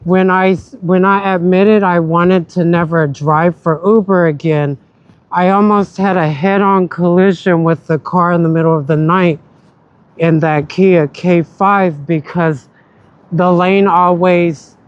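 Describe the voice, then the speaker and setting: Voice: mid-range voice, fairly even intonation, a little slow, smooth, lo-fi sound. A vlogger with an American country accent, chatting casually to viewers while shopping in a store and calling them y'all. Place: store, indoors.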